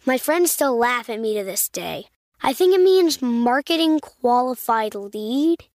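High-voiced woman reading a comic ad. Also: lively intonation, unhurried, a little mellow, dry recording, clean studio sound. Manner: exasperated, comic complaint. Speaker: ad voice as a child complaining about her dad. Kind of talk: scripted ad read.

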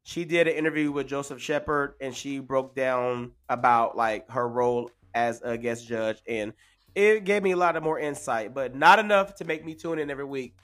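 A man's voice: mid-range voice, normal speed, a bit bright. A man co-hosting a casual podcast, giving opinions in slangy drag-scene phrases. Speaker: podcast co-host.

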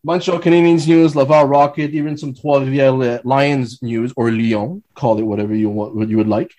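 A man hosting an unscripted sports talk show in an excited, showy manner. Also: mid-range voice, moderate pace. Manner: excited, showy announcer-like welcome. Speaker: podcast host.

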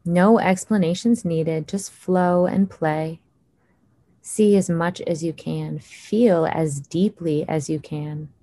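A woman leading a guided hypnosis meditation in a slow, soothing voice with long pauses. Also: lowish voice, dark tone, no room sound.

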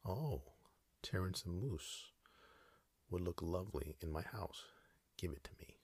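A greedy, boastful winged snake, as a man whispers him. A whispered role-play in a very low, husky voice. The hush stays close and dry. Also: expressive, measured pace, no room sound, exaggerated voice. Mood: demanding. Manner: demanding, boastful.

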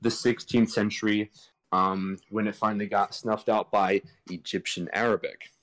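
A man's voice: on the low side, steady tone, moderate pace, a bit bright, rough recording. A man guest on a chat podcast, explaining language history in a casual, irreverent, slangy way over a video call.

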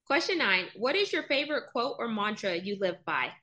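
Bright, upbeat woman host. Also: fairly high pitch, brisk, highs cut off. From Texas, US. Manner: energetic, upbeat, playful. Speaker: podcast host. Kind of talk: upbeat interview hosting.

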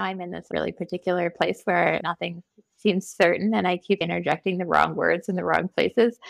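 A woman's voice: lowish voice, gravelly, dry recording. A woman with a Minnesotan accent, a podcast guest talking in a reflective, hesitant, self-deprecating way. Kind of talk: candid conversational interview.

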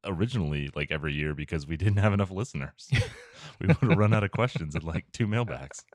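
A man's voice: low-pitched, lively intonation, quick pace, no echo. A man, co-hosting a gaming podcast in a casual chatty style. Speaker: podcast co-host.

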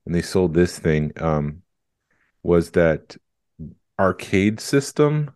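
A man's voice: sits low, sing-song, takes it slowly, a little mellow, dry recording, studio quality. A man co-hosting a podcast, chatting casually and telling a rambling story. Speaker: podcast co-host. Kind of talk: casual chat.

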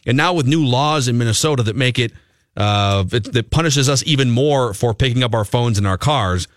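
A man's voice: mid-range voice, moderate pace, no echo. A man with an American accent talking as a sports talk radio host, conversational and ad-libbing between banter and live reads.

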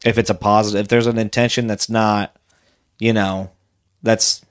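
A man's voice: fairly low pitch, flat delivery, normal speed, clean tone. A man co-hosting a casual podcast, telling stories in a rambling, enthusiastic way. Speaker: podcast co-host. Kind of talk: casual chat.

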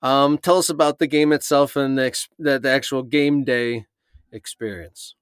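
Male sports podcast host, smooth voice, halting conversational delivery, very dry sound as if recorded inside a closet. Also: medium pitch, fairly even intonation, no room sound. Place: small closet under the stairs.

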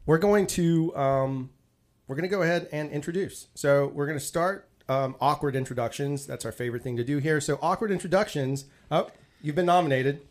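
A man's voice: on the high side, a little fast. A man hosting a casual podcast, joking and laughing often and restarting his sentences as he talks. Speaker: podcast host.

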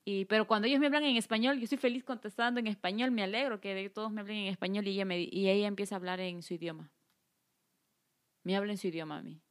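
A woman's voice: mid-range voice, fast. A young woman from Guatemala, a podcast guest, casually telling a story and acting out the quoted dialogue. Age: young adult. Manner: animated, acts out quoted dialogue.

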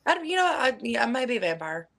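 A woman's voice: a little high, big pitch swings, fairly quick, creaky, fairly bright tone. A woman with a standard American accent in casual, comedic podcast chat, blunt and sweary, peppering her sentences with "like". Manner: blunt, profane, heavy use of "like". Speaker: podcast guest.

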